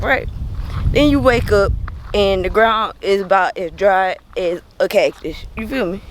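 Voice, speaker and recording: A woman chatting casually to a vlog audience, slangy and repetitive, her speech slightly impeded by a grill on her teeth. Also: medium pitch. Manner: slangy, repeats words for emphasis. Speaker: vlogger. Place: outdoors, walking in snow. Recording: noisy windy outdoor recording. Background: wind and outdoor noise.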